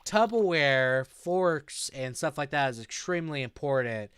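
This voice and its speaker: A sleep-deprived young man chats slowly on his live stream and answers viewers' messages as they come in. His voice is clean and clear, in a dry, close room with no echo. He is relaxed and unhurried, drawing out his words. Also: mid-range voice. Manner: slow, sleepy, reads chat aloud. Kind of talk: casual live-stream chat.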